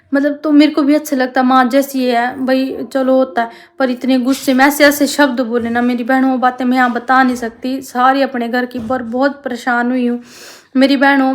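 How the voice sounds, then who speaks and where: Woman in her twenties, high voice, flat even delivery, rambling confessional vlog. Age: 20s. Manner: heartfelt, rambling, addresses viewers as sisters. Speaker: family vlogger. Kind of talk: confessional talk to camera.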